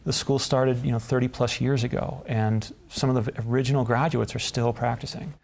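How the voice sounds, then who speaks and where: A man's voice: mid-range voice, fairly even intonation, normal speed, creaky, a little mellow. A man who runs the school speaks reflectively in a promotional interview, using fillers.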